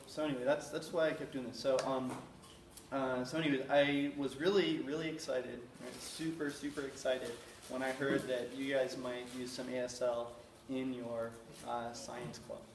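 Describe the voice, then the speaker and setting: Guest speaker, male, mid-pitched, chatty and rambling, roomy classroom sound from far off. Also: a little hiss or hum. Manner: chatty, rambling, many fillers. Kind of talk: casual talk to a class.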